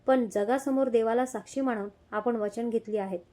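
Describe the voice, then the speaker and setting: A woman's voice: on the high side, steady tone, normal speed, dark tone, lightly acted. A woman voicing a determined young wife who speaks firmly and directly in a read-aloud story. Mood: defiant. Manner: firm, direct. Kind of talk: audio story reading.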